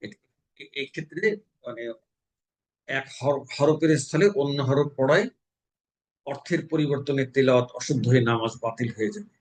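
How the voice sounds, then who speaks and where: A man from Bangladesh teaching Quran recitation, explaining pronunciation rules and slowly chanting example verses. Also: medium pitch, low-quality recording. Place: mosque.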